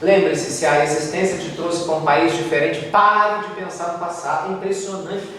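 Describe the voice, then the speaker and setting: A man from Brazil with a Brazilian Portuguese accent, giving a spiritist talk as a lively storyteller in a large lecture hall. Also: a little high, moderate pace. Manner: lively storyteller, acts out quoted voices. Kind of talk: spiritist talk with told stories. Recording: echoey hall, distant mic, faint noise.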